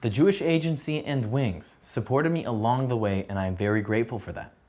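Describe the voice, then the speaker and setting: A young man from San Diego reads his own testimony aloud at a steady pace. His voice sits at an ordinary middle pitch, and his delivery is earnest and measured, like a soldier telling his story. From San Diego, USA. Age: young adult. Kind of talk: read personal testimony.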